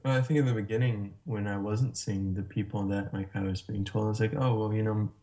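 A man guest telling a personal story in a casual, animated way, often laughing between sentences. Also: fairly low pitch, fairly quick. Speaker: interview guest. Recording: muffled lo-fi sound.

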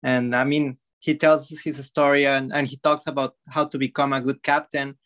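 A man's voice: medium pitch, little pitch movement, normal speed, a bit bright. A man in a casual interview, talking with a hesitant manner and many "I mean"s. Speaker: podcast co-host, guest.

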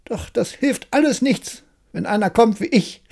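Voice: medium pitch, expressive, measured pace, creaky, a little mellow, pitched above the performer's own voice. A reader voicing a cheeky, boastful young tailor from a fairy tale, bragging cheerfully. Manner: brags cheerfully.

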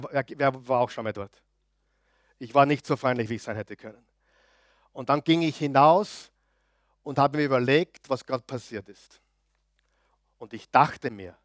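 A male pastor preaching a sermon, swinging between loud declarations and quiet asides and often putting questions to the congregation. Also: mid-range voice, no room sound, clean studio sound. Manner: asks the audience frequent questions.

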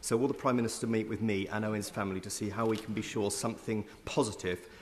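Sober, lower-voiced man speaking in parliament. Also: steady tone, quick pace. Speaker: member of parliament asking a question. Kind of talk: prepared parliamentary question. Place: large indoor parliamentary chamber. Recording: reverberant chamber.

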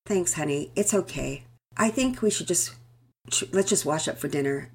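A woman voicing a gentle, patient mother who speaks in a soft, polite, measured way. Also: lowish voice, lively intonation, breathy edge. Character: gentle, patient mother, calm under pressure.

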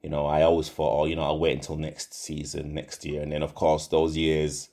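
A man's voice: very deep voice, completely flat delivery, brisk, dark tone. A middle-aged man with a Yorkshire accent hosting a casual solo podcast, rambling with frequent fillers and self-corrections. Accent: Yorkshire English. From England. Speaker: podcast host.

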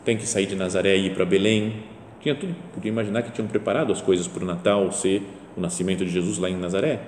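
A man preaches a homily in a relaxed, conversational way, leaning on "né?" and rising in pitch and volume to stress a point. His voice is low and mellow. The sound carries a long reverberant hall tail over a faint low rumble. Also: quick pace. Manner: conversational, rises in pitch and volume for emphasis, often asks "né?". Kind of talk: sermon.

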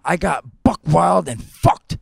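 A man's voice: on the high side, slow pace, creaky, slightly rough, dry recording, clean studio sound, full character voice. A man voicing a flirty, crude female comic customer in an improvised comedy script reading. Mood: excited. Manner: crude, teasing, laughs mid-line.

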